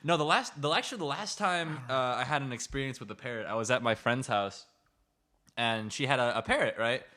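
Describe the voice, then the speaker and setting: A man's voice: mid-range voice, fairly quick, a little hiss or hum. A young man co-hosting a comedy podcast, chatting casually and joking, often slipping into silly voices. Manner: animated, jokey, slips into silly character voices. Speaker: podcast co-host.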